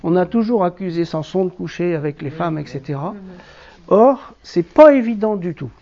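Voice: medium pitch, expressive, moderate pace, vocal fry, dark tone. A teacher leading a classroom lesson on biblical Hebrew, explaining patiently step by step with frequent hesitations. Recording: dull lo-fi classroom recording.

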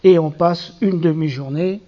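A man's voice: fairly high pitch, a little slow, lo-fi sound. A man teaching a Hebrew reading lesson to a class, patiently spelling out letters and syllables one by one.

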